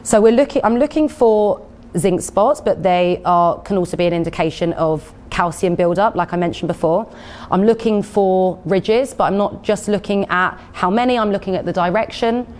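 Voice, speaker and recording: A woman's voice: medium pitch, normal speed, darkish tone. A woman with an Essex accent tinged with Cockney, giving a health talk and fielding questions in a chatty, explanatory way. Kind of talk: informal talk with audience questions.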